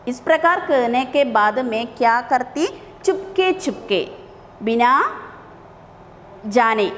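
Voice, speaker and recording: A woman's voice: a little high, big-room sound, a little hiss or hum. A woman teacher reading a Hindi story aloud, repeating lines and explaining words in English.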